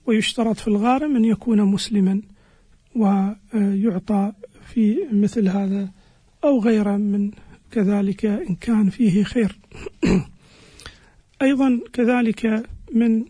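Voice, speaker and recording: A man explaining religious rulings as a scholar on a radio program, in a measured, halting way with pauses. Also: high-pitched, fairly even intonation, dark tone, slightly rough, dry recording. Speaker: Islamic scholar answering listeners' questions.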